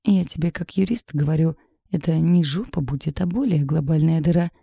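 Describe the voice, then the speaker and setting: A woman's voice: sits low, fairly quick, vocal fry, dark tone, slightly rough, no echo, studio quality, exaggerated voice. A woman reading the part of a blunt, sarcastic young woman who works as a lawyer, in an audiobook. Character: sharp-tongued young woman lawyer friend.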